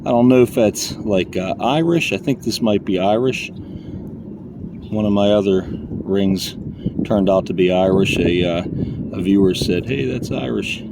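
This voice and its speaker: A man, vlogging casually as he metal detects in a public park, excitable and chatty as he calls out his finds. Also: low voice, background noise. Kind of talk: casual vlog narration while detecting.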